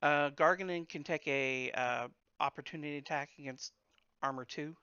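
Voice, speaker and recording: A man acting as game master, casually narrating a tabletop game with measured, hesitant turn announcements. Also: a little high, sharp tone, clean tone, no echo, lo-fi sound.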